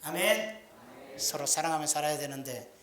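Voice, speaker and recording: A man's voice: fairly high pitch, expressive, measured pace, fairly bright tone. A middle-aged male pastor preaching a sermon in a folksy, joking way, acting out little everyday scenes. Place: church sanctuary. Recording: echoey church sound.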